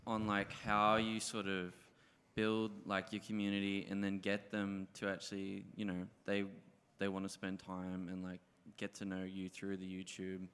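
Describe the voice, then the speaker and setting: A man's voice: sits low, monotone, moderate pace, a bit bright, clean tone. A man asking rambling interview questions on stage, with many filler words. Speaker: interviewer and moderator. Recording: long hall reverb.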